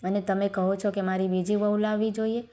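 A scolding, sharp-tongued older mother-in-law from a spoken storybook, read out by a woman in her own voice. The delivery stays level and flat, with a mellow, darker tone. She commands and rebukes rather than shouts. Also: mid-range voice, brisk, natural voice. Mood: furious.

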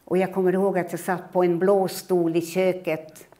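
A woman in her eighties from Finland tells her life story in a measured, reflective lecture. Her voice sits a little low and sounds mellow and warm. She recreates her own remembered words as she goes. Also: little pitch movement. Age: 80s.

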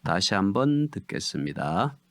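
A man teaching English pronunciation, explaining syllables slowly and reading each word out one by one. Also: deep voice, sing-song, fairly bright tone, no echo. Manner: drawn-out deliberate word-by-word reading. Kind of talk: slow instructional explanation.

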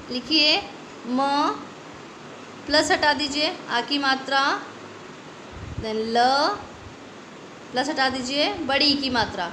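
An Indian woman teaching a young children's Hindi class, drawing out each word slowly and asking the kids questions. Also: high-pitched, sharp tone, slight background noise. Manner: slow, drawn-out word stretching with quiz questions. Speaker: primary school Hindi teacher. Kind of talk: online class lesson. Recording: echoey room with faint ambience.

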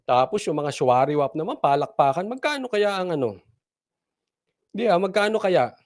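A man's voice: high-pitched, big pitch swings, normal speed. A man hosting casual political commentary, mocking and laughing often and repeating his points for emphasis.

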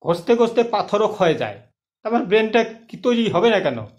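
High-voiced man with a persuasive pitch. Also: sing-song, normal speed, darkish tone, dull audio. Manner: persuasive, keeps checking in with listeners; addresses listener as friend. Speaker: online income plan promoter. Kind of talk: casual explanatory video talk.

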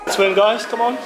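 A man vlogging a group swim outing outdoors, relaxed and laughing as he urges others on. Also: high-pitched, poor audio. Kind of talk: casual outdoor vlog chat. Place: outdoors by waterfalls and in a cave. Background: music and rushing water.

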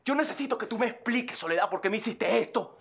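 An actor playing a jilted young man who insists on the truth, raising his voice and shouting in a telenovela scene. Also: very high-pitched, animated, quick pace, creaky, slight background noise, exaggerated voice. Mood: desperate demanding. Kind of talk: telenovela acting.

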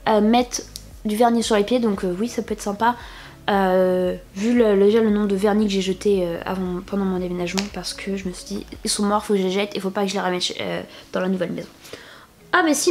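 A woman's voice: mid-range voice, a little mellow. Young woman, beauty vlogger, casual haul chat, filler-heavy, playful. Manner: chatty, many fillers and restarts, playful "tada" reveals.

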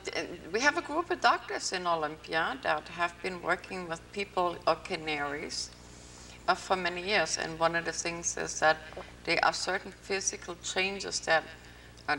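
A woman's voice: sits low, bright, forceful tone, distant mic, a little hiss or hum. Chatty older woman from North Africa. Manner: chatty, rambling storyteller. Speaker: host. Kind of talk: public access interview. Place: TV studio with green-screen backdrop.

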